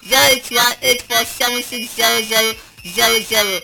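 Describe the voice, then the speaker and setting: A woman's voice: a little high, fairly even intonation, brisk, music in the background. A woman with a Nigerian accent hosting a sports radio call-in show, chatting casually and reading out phone lines. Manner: chatty, reels off phone numbers. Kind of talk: casual sports talk in Pidgin.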